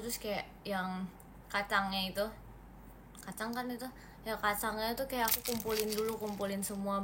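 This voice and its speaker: A woman's voice: mid-range voice, fairly bright tone, a little hiss or hum. A seventeen-year-old girl from Indonesia hosting a casual livestream, chatting and thanking viewers one by one, slipping English phrases into her talk. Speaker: livestream host. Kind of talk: casual livestream chat reading comments.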